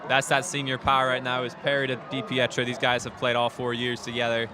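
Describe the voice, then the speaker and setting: A man's voice: mid-range voice, monotone, fairly quick. A man giving casual live analysis as a color commentator on an American football broadcast outdoors. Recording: noisy outdoor stadium broadcast.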